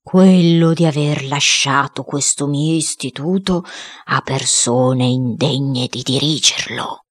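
A woman reading aloud, voicing a boy who fakes the grave, breathy voice of a dead old man's ghost. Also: extremely low pitch, slow, dry recording, pitched below the performer's own voice, exaggerated voice.

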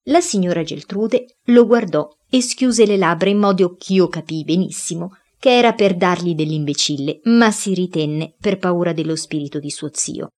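A woman reading a boy's first-person diary story aloud, in a lively storytelling way. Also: on the low side, moderate pace, hardly any pauses. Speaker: reader.

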